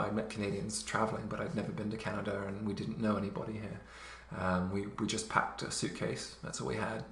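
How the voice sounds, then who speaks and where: A man in his thirties, raised in England and Luxembourg, telling stories in a relaxed way with many fillers. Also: fairly low pitch. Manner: relaxed storytelling, many fillers, occasional laughs. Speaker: interview guest. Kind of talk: casual conversation. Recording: echoey room.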